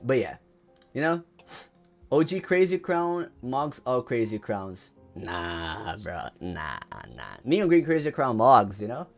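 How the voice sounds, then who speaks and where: A man's voice: mid-range voice, expressive, unhurried, soft background music. A man livestreaming casually. He says "bro" and "you know" all the time, repeats his lines, and reads chat messages aloud before answering them. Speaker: livestreamer ranking game items.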